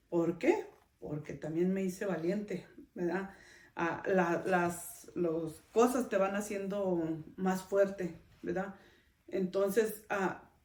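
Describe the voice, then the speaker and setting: A woman's voice: medium pitch, a little mellow, far from the mic. Middle-aged woman, podcast host, chatty personal storyteller, recorded off-mic in a roomy space. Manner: conversational, often adds a questioning tag to her sentences. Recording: roomy sound, speaker off-mic.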